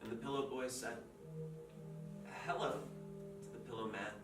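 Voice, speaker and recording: An actor playing a writer who tells a dark fairy tale aloud in a measured, deliberate way, in a stage play. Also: male voice, mid-range voice, steady tone, close to an everyday voice. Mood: somber storytelling. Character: grim storyteller telling a dark fairy tale. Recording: echoey stage from far off, with music.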